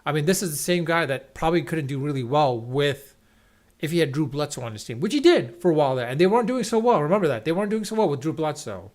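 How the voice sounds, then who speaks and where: A man's voice: a little high, sing-song, fast talker, a little mellow. A man hosting a live stream, rambling casually about football with lots of restarts and strong opinions. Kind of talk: casual sports rant. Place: at home, checking scores on screen.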